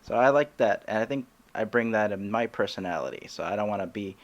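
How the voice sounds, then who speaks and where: A man hosting a comedy podcast in casual chat, talking haltingly with many restarts and little laughs. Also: fairly low pitch, lo-fi sound.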